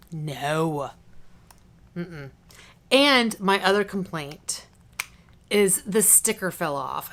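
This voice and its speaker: A beauty vlogger with a medium-pitched, fairly bright voice talks to the camera in a casual, chatty, informal way, prone to tangents. Slight congestion and a cough drop in her cheek affect how she sounds.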